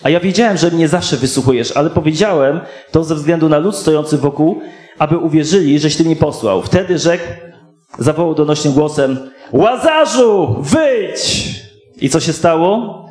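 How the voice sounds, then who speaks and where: A man preaching a sermon, reading scripture slowly and stopping to explain it with repeated "tak?" asides. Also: fairly high pitch, darkish tone, reverberant, faint music behind. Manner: reads slowly with frequent rhetorical "tak?" asides.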